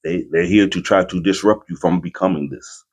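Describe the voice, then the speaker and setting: A man's voice: sits low, moderate pace, husky. A man hosting a reaction video, giving casual spiritual commentary and explaining things familiarly to his viewers.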